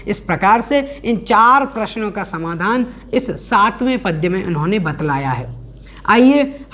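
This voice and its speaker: A woman teaching an online scripture class, explaining each idea and reciting verses slowly and deliberately. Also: mid-range voice. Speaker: religious teacher.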